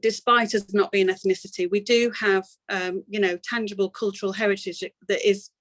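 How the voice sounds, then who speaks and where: A woman speaks on a webinar video call with a flat, even voice. She is hesitant and often repeats words. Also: mid-range voice, a little fast. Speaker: panelist. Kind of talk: webinar discussion.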